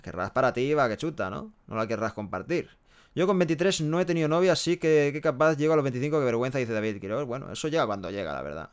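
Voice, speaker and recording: A young man from Barcelona chats casually into a headset microphone in a small room, reading viewers' messages aloud and answering them bluntly. His voice is smooth and resonant at a middle pitch, and he keeps adding quick tag questions as he talks. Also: lively intonation. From Barcelona, Spain. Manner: chatty, frank, tags sentences with "¿eh?" and "¿no?". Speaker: live streamer reading chat. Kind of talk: casual live-stream chat. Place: small room with a pale green wall, indoors.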